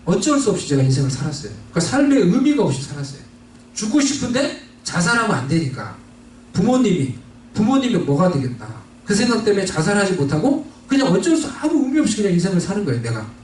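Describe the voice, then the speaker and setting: Pastor, lively high sermon voice. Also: male voice, fast talker, roomy sound, recorded from a distance, a little hiss or hum, low-quality recording. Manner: storytelling, switching between Korean and English. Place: church sanctuary.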